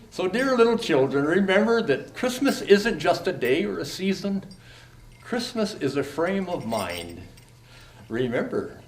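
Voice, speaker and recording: A man's voice: a little high, poor audio. An older man playing Santa Claus as a jolly, kindly old storyteller, theatrical and grandfatherly as he speaks to children at a live event. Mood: kindly, encouraging. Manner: theatrical, grandfatherly, unhurried phrasing. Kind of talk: storybook poem reading and kindly address to children.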